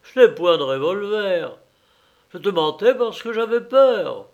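A cowardly traveler bluffs, then frets aloud, voiced by a man reading a story. The voice sits a bit high and pushes hard. The words come out slowly. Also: very animated, darkish tone, muffled recording, heavily acted. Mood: anxious. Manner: anxious, fretful muttering. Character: cowardly land surveyor, blustering then pleading.

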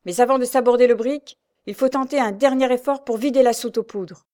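A woman reading aloud as a stern, brave male ship captain, declaiming his orders loudly. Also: fairly high pitch, a little fast, voice pushed up, close to an everyday voice. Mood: resolute.

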